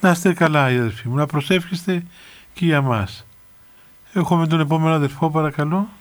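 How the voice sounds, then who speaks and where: Gentle fatherly older priest. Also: a little high. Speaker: priest answering callers. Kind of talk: radio phone-in counsel.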